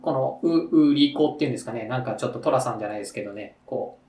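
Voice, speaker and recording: A man's voice: mid-range voice, very fast, distant mic. A man from Tokyo hosting a story contest, chatting casually with a rambling manner and many fillers. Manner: lively, rambling, frequent fillers and laughs. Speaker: host, contest judge. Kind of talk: casual podcast chat. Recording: echoey room, a bit off mic.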